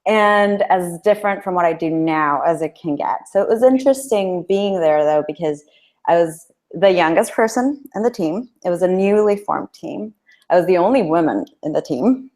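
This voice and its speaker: A woman's voice: fairly low pitch, lively intonation, moderate pace, darkish tone. A woman from El Salvador, a guest in an interview, answering in a friendly, chatty way. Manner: friendly, chatty, with small laughs.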